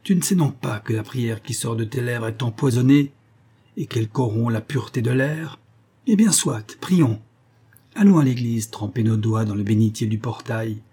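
A man's voice: medium pitch, steady tone, normal speed, breathy edge, voice pushed up, natural voice. A man reading aloud voices an enraged, bitter young man who hurls contempt at his beloved. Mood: furious. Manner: loud, contemptuous outbursts.

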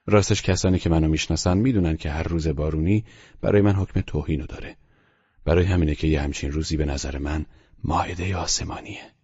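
A man's voice: rumbling low, fairly even intonation, a little mellow, breathy edge, long reverb tail, highs cut off. A man voicing a smug, educated young man who drawls and sounds pleased with himself. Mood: admiring. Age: young adult. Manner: drawling, self-satisfied.

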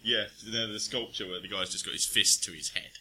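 Low-voiced man with bright tone. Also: fairly even intonation, brisk, breathy edge. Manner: rambling, hesitant, many fillers. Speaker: podcast co-host. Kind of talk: casual chat.

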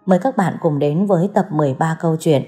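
A woman narrating a serialized audio story, reading in a steady, dramatic storytelling manner. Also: low-pitched, fast. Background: soft background music.

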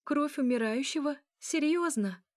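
Brief: a woman playing a young vampire princess, high and proud, vengeful, dry close read. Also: animated, normal speed, a little mellow, dry recording, lightly acted. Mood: furious. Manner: fierce, pleading, bitter. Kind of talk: audiobook character reading.

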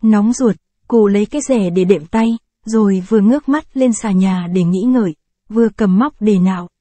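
A woman narrating a short story in scripted reading, in an even, measured way. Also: medium pitch, no echo.

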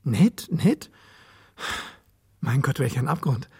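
A man's voice: medium pitch, very animated, takes it slowly, vocal fry, mellow, breathy edge, dry recording, clean studio sound, heavily acted. An actor playing a theatrical, mocking father in a radio play, with mannered speech.

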